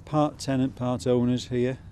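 A man farmer in his fifties, giving measured, matter-of-fact interview answers outdoors in a farmyard. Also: medium pitch, level tone, warm tone, a little hiss or hum.

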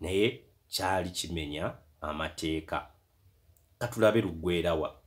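A man's voice: low-pitched, unhurried. A man with a Ugandan accent retelling a book as storyteller, switching between reading and chatty asides. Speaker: storyteller and translator. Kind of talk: retelling a book in English and Luganda.

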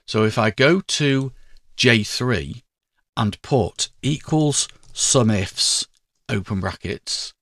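A man talking through a spreadsheet tutorial in a measured, step-by-step way. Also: medium pitch, animated, fairly bright tone, no echo, clean studio sound. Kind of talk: screen-recorded tutorial narration.

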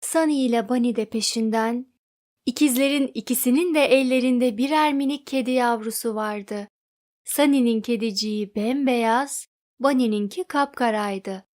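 A woman narrating a children's storybook in an expressive read-aloud manner. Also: a little high, normal speed.

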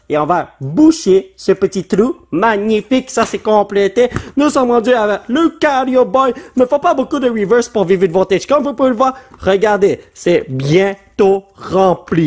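A man with a Québécois French accent giving excited, casual commentary while opening card packs, playful and sprinkling English slang into his talk. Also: high-pitched.

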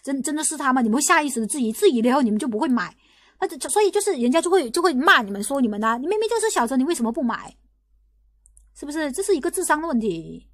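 Speaking quickly and combatively, a young Guangdong woman hosts a casual livestream, circling back to the same rhetorical questions and frequently starting sentences over. Her high voice swings widely in pitch and sounds fairly bright, with close, dry audio and no reverb.

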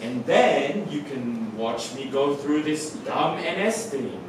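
An actor takes on the role of Adam, a teasing yet worried son, during a staged reading in a theatre. His medium-pitched voice is animated but slow, going from wry to alarmed and shouting. A faraway camera with no visible microphone records the noisy, echoing hall.

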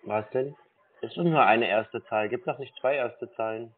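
Speaking at a moderate pace in a mid-range voice with a breathy edge, a man talks over the phone with phone-quality sound. He is a scambaiter pretending to be a naive, confused, literal-minded customer, and the call is slow and bumbling.

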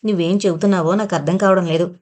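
A woman's voice: lowish voice, steady tone, rapid-fire, darkish tone, close to an everyday voice. A woman reading as an indignant young daughter. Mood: bewildered. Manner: pleading and indignant. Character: innocent, proud young daughter, upset. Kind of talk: audiobook character reading.

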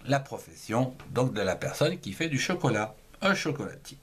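A man's voice: medium pitch, very animated, moderate pace, a bit bright, breathy edge. A man with a French accent teaching a handwriting lesson, spelling words out one letter and syllable at a time.

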